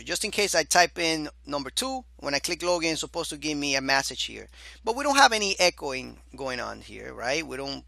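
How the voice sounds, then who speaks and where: In this screen-recorded coding lecture for beginners, a chatty man keeps saying "all right" and addressing the listener as "my dear student." His fairly high voice is bright and forceful but growing hoarse, and the recording is dry.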